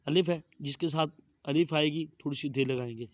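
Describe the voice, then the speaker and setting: A middle-aged man with a Pakistani Urdu accent teaching Quranic letter pronunciation, saying each sound slowly and with care. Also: a little high, dry recording. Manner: drawn-out careful letter pronunciation, monotone delivery. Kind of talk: slow methodical recitation lesson.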